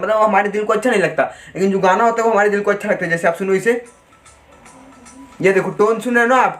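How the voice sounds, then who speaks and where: A man teaching a physics lesson online, chatting with students and reading textbook lines out slowly. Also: sits high, fairly bright tone. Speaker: physics tutor.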